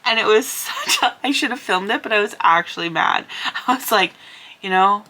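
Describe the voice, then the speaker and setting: A woman's voice: a little high, expressive, brisk, sharp tone. A young woman talking casually in a vlog, rambling and thinking aloud with lots of fillers. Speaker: vlogger.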